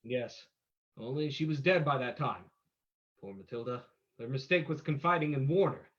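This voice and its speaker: A man's voice: medium pitch, moderate pace, fairly bright tone, natural voice. A suave detective vigilante played by a man in an old-time radio mystery. He speaks theatrically and with menace, laying things out dramatically. The audio is dull and lo-fi. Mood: sombre.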